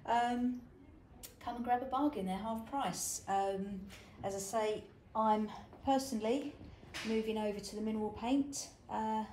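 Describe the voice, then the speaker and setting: A woman's voice: fairly high pitch, unhurried. Chatty woman touring her little shop. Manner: chatty and relaxed, many fillers like um and uh. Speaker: shop owner giving a tour. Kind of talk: casual walk-through shop tour. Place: small indoor shop. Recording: echoey shop room with clear background noise.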